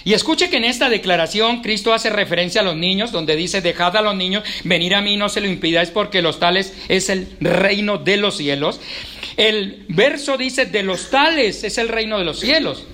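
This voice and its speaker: Bright-voiced preacher. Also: male voice, high voice, moderate pace. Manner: emphatic, conversational preaching with humor. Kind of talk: sermon. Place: church.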